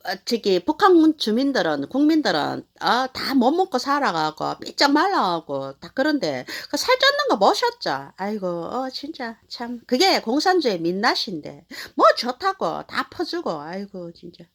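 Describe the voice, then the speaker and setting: A woman in her fifties tells a personal story in a casual, rambling way, full of fillers and asides. Her voice sits a little high and swings widely as she talks. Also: normal speed, hardly any pauses. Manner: animated, rambling with many fillers. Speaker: channel host.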